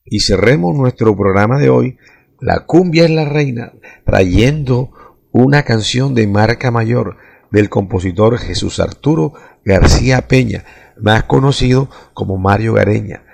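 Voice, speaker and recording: A man hosting a radio music program, giving a measured scripted narration with occasional hesitations. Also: mid-range voice, creaky, darkish tone. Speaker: radio music show host.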